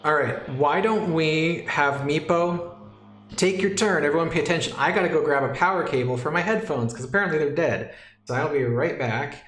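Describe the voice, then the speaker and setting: A man's voice: fairly high pitch, moderate pace, fairly bright tone, reverberant, faint music behind. A man running a tabletop game as dungeon master on a stream, joking and self-deprecating as he talks into a desk mic.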